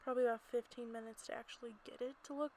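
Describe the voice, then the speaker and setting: She talks very fast in a fairly high, mellow voice that keeps a steady tone, giving a giggly, rambling gameplay voiceover. An amateur creator, she records in a small closet at home, with noticeable background noise in the audio.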